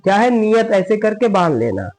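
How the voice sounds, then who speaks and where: A man teaching a step-by-step prayer lesson, asking and answering his own questions and reciting prayer phrases slowly. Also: sits high, very animated, darkish tone, faint music behind, low-quality recording. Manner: asks and answers his own questions, frequent "theek hai" checks. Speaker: religious teacher.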